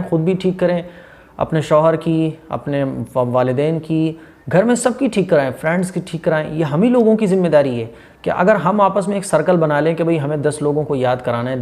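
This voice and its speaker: A man with a Hyderabadi Urdu accent giving a religious lesson on correct prayer pronunciation, stretching out model recitations slowly between explanations. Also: a little high, a little mellow. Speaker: Islamic teacher.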